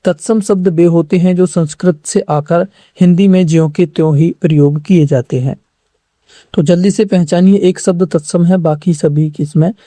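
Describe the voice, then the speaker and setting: A man teaching an online exam-prep class in a drilling, repetitive way, pressing viewers to answer fast. His voice is dark and mellow yet sits a little high. The sound is close and dry. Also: fairly even intonation, no room sound. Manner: repeats each question and answer as a drill, urging viewers to respond quickly.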